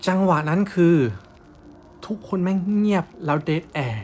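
A man's voice: sits high, lively intonation, unhurried, a little mellow, slight background noise. A young man telling a ghost story in blunt, casual, slangy talk.

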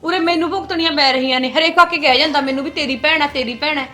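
Give me a woman playing a lecturing elder sister-in-law, high and fast-talking. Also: fairly even intonation, sharp tone. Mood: scolding. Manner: lecturing, scolding tone. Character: stern elder sister-in-law scolding the young wife. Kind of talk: village family short-film acting.

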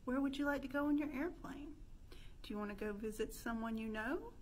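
A children's librarian in her thirties speaks fairly quickly in a high, somewhat mellow voice, with a little hiss or hum in the recording. Indoors by a stone fireplace, she leads interactive pretend play, asking young kids questions in a sing-song fashion.

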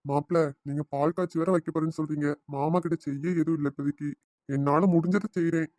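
A man voicing a kindly middle-aged father-in-law in a family cartoon, speaking gently and conciliatorily. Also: fairly high pitch, fairly even intonation, fast, no room sound, natural voice.

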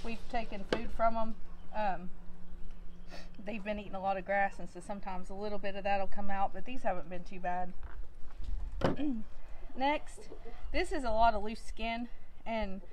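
A woman in her thirties explaining a farm task step by step outdoors, unhurried, with fillers and trailing phrases, picked up by a camera a few feet away. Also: mid-range voice, noisy background. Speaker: homesteader demonstrating chicken processing. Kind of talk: casual how-to explanation. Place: outdoors in a farmyard. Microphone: camera mic a few feet away.

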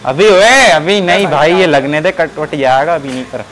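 A man with a Pakistani Urdu accent posing as a bossy barber in a salon prank, scolding and mock-apologizing in loud comic banter. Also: a little high, normal speed, crowd noise. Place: busy barber salon indoors.

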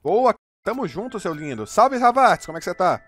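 Fast-talking Brazilian streamer man. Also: high-pitched, a little hiss or hum. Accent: Brazilian Portuguese. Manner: energetic, slangy, addresses viewers as a crew. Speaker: game streamer. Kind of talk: live gameplay commentary and coaching.

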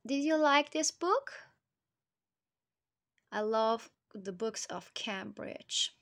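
A woman reading a storybook aloud to children, slow and expressive, speaking to them directly. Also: on the high side.

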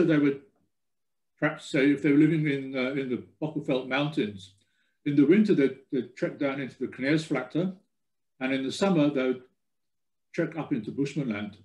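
An older man giving an informal, somewhat halting slide lecture over a video call from a room at home. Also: mid-range voice, a little mellow, reverberant, poor audio. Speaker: guest lecturer.

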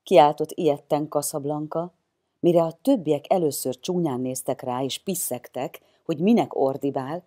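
Give me a woman with a low voice reading a bedtime story with lively expression.

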